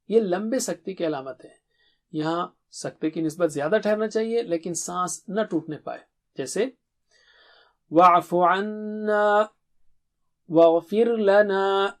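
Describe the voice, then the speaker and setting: A man, a Quran recitation teacher, gives a short recorded tajweed lesson in a clear, measured teaching voice. He slows into melodic recitation for his examples. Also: sits high.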